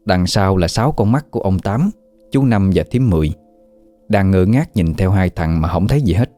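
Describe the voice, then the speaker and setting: A man narrating a scripted ghost story in a steady way. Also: low-pitched, moderate pace. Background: faint background music.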